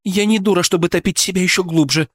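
A man reading an audiobook and voicing a desperate, defiant woman prisoner in a raised, sharp voice. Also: high voice, fast, no room sound, studio quality, voice pushed up. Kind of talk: audiobook character voice.

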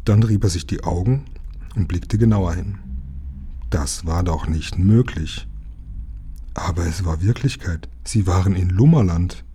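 A man narrating a children's storybook aloud in a calm, even reading. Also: deep voice, measured pace, breathy edge. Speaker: audiobook reader.

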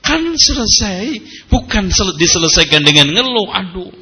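A male preacher giving an Islamic study sermon, lively and joking, reciting Arabic hadith between his points. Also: fairly high pitch, normal speed.

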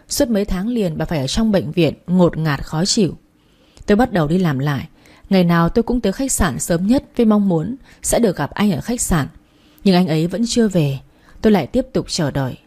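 A woman narrates a story in the first person. Her voice is mellow and warm. She reads steadily, softly and earnestly. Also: lowish voice.

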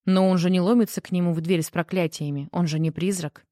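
Woman narrating an audiobook quietly. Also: lowish voice, fairly even intonation, fast, no room sound, studio quality.

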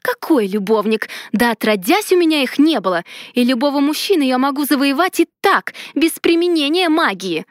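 A fiery young witch with a quick, sarcastic tongue, as a woman reading the story puts her on. Her voice sits high and lifts higher still when she taunts or rages. It is recorded dry and close, with no room around it. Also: big pitch swings, dry recording. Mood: furious. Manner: sarcastic, then shouting in anger. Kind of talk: audiobook character voice.

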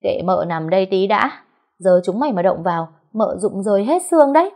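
A woman voicing a brash, hot-tempered young wife who shouts and wails shrilly. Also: on the low side, animated, a little fast, breathy edge. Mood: wailing.

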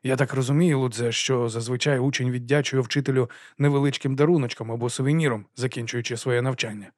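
Quietly confident young monk, even and measured, in the male reader's own voice. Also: mid-range voice, no room sound, studio quality, natural voice. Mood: calm.

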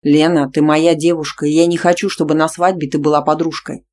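A reader voicing a jealous, domineering young man who speaks loudly and sternly in a storybook reading. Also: medium pitch, steady tone, a little fast, natural voice. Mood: angry, stern. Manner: loud, stern, commanding.

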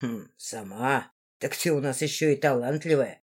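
Woman putting on a cruel young lord, low gravelly threats, menacing, storybook. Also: moderate pace, darkish tone. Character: cruel hot-tempered young male lord.

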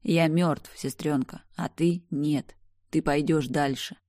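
A woman reading an audiobook, voicing a tender young brother who appears in a dream, speaking softly and calmly. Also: sits low, slow pace, no room sound, clean studio sound. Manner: soft, calm and affectionate.

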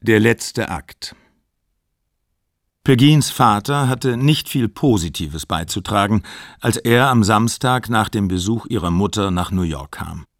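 A man calmly reading literary fiction aloud. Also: fairly low pitch, a little slow, no room sound, studio quality. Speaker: audiobook reader.

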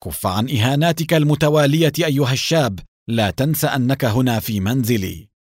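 A man's voice: fairly low pitch, lively intonation, a little fast, dry recording, studio quality. A man doing a cold, haughty doctor. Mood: angry. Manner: curt, cold, condescending. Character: cold, haughty middle-aged male doctor. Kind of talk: storybook reading with voices.

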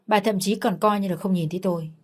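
A woman's voice: mid-range voice, quick pace, slightly rough. Woman reading a first-person story.

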